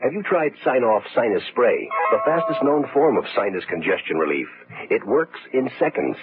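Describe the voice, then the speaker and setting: A man's voice: mid-range voice, big pitch swings, moderate pace. A man reading a scripted radio commercial as a persuasive announcer. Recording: tinny old radio, loud music.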